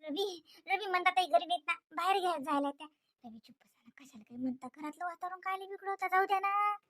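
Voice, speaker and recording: A woman voicing an anxious young wife in an animated comedy, pleading for calm and repeating names insistently. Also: extremely high pitch, quick pace.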